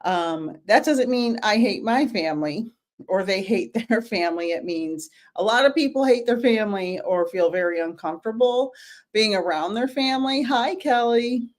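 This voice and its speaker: A middle-aged woman runs a casual book club on a live stream, greeting viewers by name. Her medium-pitched voice is hoarse from teaching, and she speaks animatedly at a normal speed.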